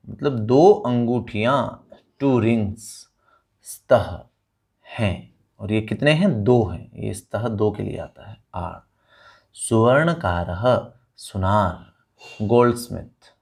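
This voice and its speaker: A man's voice: on the low side, vocal fry, darkish tone. A man teaching a Sanskrit lesson, reading out words for students to repeat and explaining each one in Hindi and English. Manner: slow, drawn-out word-by-word pronunciation with call-and-repeat drills. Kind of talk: online language lesson.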